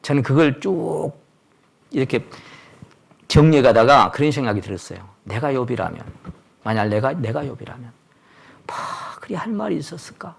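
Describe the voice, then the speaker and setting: A man preaching a Sunday sermon with dramatic swings between hushed words and exclamations. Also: medium pitch, big pitch swings, normal speed, gravelly, pauses often, breathy edge. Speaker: pastor. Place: church service.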